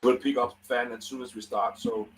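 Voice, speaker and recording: A man talking tactics haltingly over a headset voice channel in an online military game, repeating words as he goes. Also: medium pitch, level tone. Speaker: player taking a platoon role in a military simulation game. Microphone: gaming headset over voice chat. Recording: distant noisy headset voice channel.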